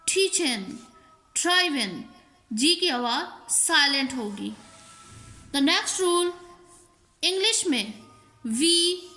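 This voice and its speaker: Slow, bright-voiced woman teaching pronunciation. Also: high-pitched. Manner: spells out words and repeats them slowly. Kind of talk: slow spoken lesson. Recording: echoey room.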